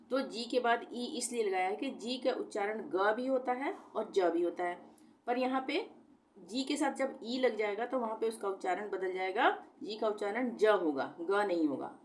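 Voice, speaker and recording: A woman teaching a spelling lesson to her channel viewers. She goes through each rule step by step, repeating the example words aloud and posing questions she then answers herself. Her voice sits at an ordinary middle pitch. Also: slight background noise. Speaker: language teacher. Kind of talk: explaining lesson.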